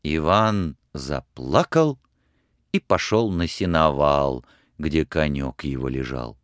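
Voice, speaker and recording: A man narrating a fairy tale in verse, in measured storytelling. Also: extremely low pitch, lively intonation, no room sound, clean studio sound.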